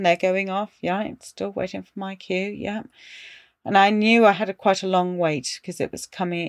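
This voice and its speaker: A middle-aged woman hosting a podcast and casually telling her own ghost story, animated but dropping to hushed tones for suspense. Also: mid-range voice, no echo, studio quality. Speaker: podcast host.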